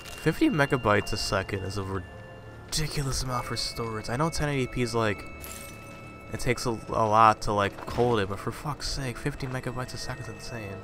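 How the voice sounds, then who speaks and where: A man plays a horror game over music, offering casual commentary in a mid-range voice at a moderate pace. He swears, startles easily and mutters asides, and still sounds slightly congested from a cold.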